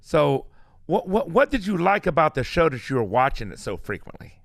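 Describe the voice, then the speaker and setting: Male radio co-host, lively and slightly high, tripping over his questions, with a dry studio sound. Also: brisk, gravelly, dry recording. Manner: chatty, stumbling interviewer. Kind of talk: casual interview.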